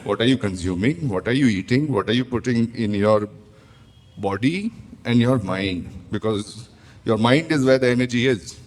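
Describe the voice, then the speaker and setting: A middle-aged man with an Indian accent speaks to a live audience in a blunt, lecturing manner. He keeps putting questions to the listeners. His voice sits at an ordinary middle pitch. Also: animated, normal speed. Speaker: tea room founder and chef giving a talk. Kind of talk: public talk to a live audience.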